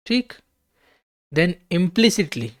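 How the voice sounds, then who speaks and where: Speaking very slowly in a high, sing-song voice, a man teaches English vocabulary to exam takers, spelling every word letter by letter and checking in with those listening. The recording is dry with clean studio sound.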